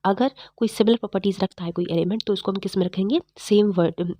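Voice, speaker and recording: A woman teaching chemistry in a fast, repetitive exam-prep lecture, slightly unwell. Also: mid-range voice, dark tone, dry recording, clean studio sound. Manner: fast-talking, repetitive quizzing of students.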